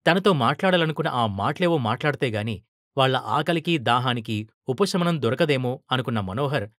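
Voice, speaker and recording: A man narrating a story in a steady, expressive reading voice. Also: medium pitch, normal speed, no room sound, clean studio sound. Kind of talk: scripted narration.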